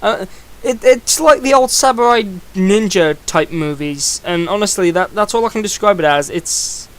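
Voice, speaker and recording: A young man talks through a review in a casual, rambling way, often restarting his sentences. His voice sits a little high for a man and sounds smooth and clear. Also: animated, moderate pace. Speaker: comic book reviewer.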